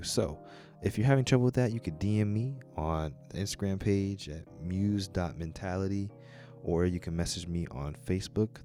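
A man's voice: low-pitched, mellow. A man hosting a podcast, giving a casual, chatty introduction spoken straight to the listeners. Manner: chatty, direct address to listeners. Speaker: podcast host.

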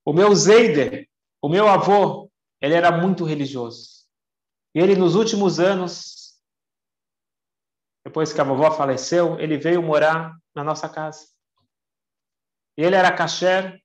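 A man's voice: a little high, normal speed, long pauses, natural voice. A man voicing a tearful young man who earnestly retells memories of his grandfather in the first person. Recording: echoey room, dull lo-fi sound.

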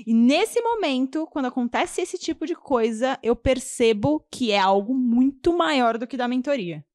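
Woman mentor chatting on a podcast, kinda high voice, super animated, acts out what people said. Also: normal speed. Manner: animated, acts out quotes, swings her pitch a lot. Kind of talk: casual podcast storytelling.

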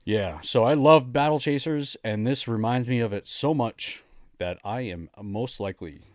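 A man's voice: mid-range voice, moderate pace, a little mellow, no room sound, studio quality. A man co-hosting a casual podcast chat, eager and chatty, sometimes stumbling over names. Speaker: podcast co-host.

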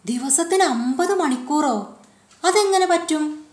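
Lady doing a curious schoolboy, high pitched, always asking. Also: expressive, slow pace, a little mellow. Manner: eager, questioning. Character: curious schoolboy, eager questioner. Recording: roomy echo.

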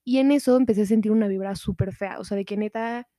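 A young woman with a Mexican Spanish accent telling a scary story to a friend on a podcast, slangy and animated, acting out what everyone said. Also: mid-range voice, quick pace, dry recording, clean studio sound. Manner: animated, slangy, acts out quotes. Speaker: podcast co-host. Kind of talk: casual storytelling chat.

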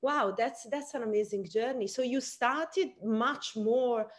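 A woman hosting an interview show, upbeat and animated as she introduces and questions her guest. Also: on the high side, unhurried. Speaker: host.

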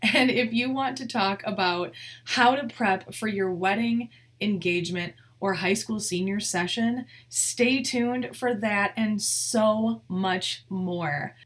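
A woman's voice: mid-range voice, slow pace. A young adult woman hosting her own podcast as a wedding photographer, talking straight to her listeners in a heartfelt, earnest way. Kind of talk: solo podcast monologue.

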